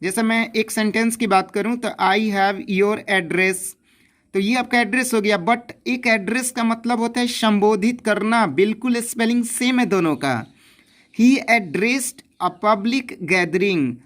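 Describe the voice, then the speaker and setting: A woman's voice: on the high side, moderate pace. A woman teaching an English grammar lesson in Hindi, repeating each point and asking and answering her own questions.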